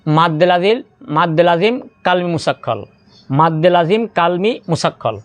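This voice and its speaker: Man, Quran reading teacher, slow syllable drills, smooth voice, dry close sound. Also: on the high side, no room sound. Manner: slow, step-by-step spelling drills, stretching recited words. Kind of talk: spelling out Arabic syllables and explaining recitation rules.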